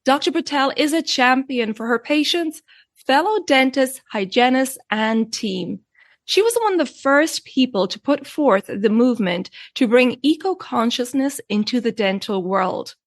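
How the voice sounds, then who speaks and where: A woman hosting a podcast, reading a measured introduction and then asking her guest questions. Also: high voice, animated, dry recording, studio quality. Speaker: podcast host. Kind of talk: scripted podcast intro and interview.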